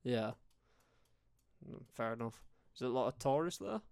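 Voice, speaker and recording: A man speaks with a strong Yorkshire accent in a middling pitch. His talk is casual banter, blunt and teasing with plenty of swearing, and the sound is dry. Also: lively intonation, normal speed, vocal fry, darkish tone, clear, resonant tone, no echo.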